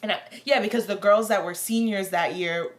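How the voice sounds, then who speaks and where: A woman's voice: mid-range voice, fairly quick. A young woman and mother, a podcast co-host and former cheer coach, reflecting on herself with rambling fillers. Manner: self-questioning, rambling with fillers. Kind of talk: casual podcast chat.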